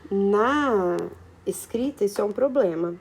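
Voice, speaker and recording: A woman's voice: mid-range voice, animated, unhurried, breathy edge. A Brazilian woman teaching a video lesson, explaining at length and checking in with tag questions and fillers. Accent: Brazilian Portuguese.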